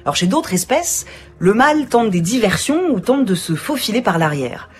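Animated woman reading radio science briefs. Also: medium pitch, moderate pace. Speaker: radio science news reporter. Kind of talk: scripted news briefs delivered conversationally.

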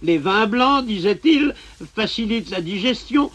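A man's voice: sits high, lively intonation, measured pace, fairly bright tone. A man giving a formal, lecturing scripted narration in an old radio recording. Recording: dull lo-fi archive radio recording.

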